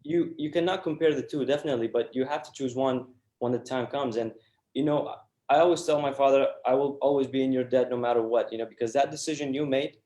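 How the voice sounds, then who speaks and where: A young man speaks as an interview guest. He talks earnestly, leaning on fillers and restarting his sentences. His voice sits at a middle pitch and rings with a noticeable room echo. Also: fairly even intonation, fast talker, mellow. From Iraq. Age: 20s. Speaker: guest entrepreneur. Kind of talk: casual interview talk.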